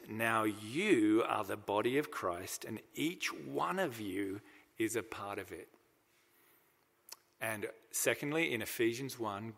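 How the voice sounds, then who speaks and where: A man's voice: medium pitch, fairly bright tone. A man giving a conversational sermon, explaining scripture with frequent restarts. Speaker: preacher. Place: church. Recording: long reverb of a church hall.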